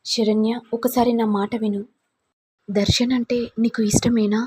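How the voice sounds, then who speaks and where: A woman voicing a caring older mother who gently advises her son. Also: fairly high pitch, flat delivery, normal speed, slightly rough. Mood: calm.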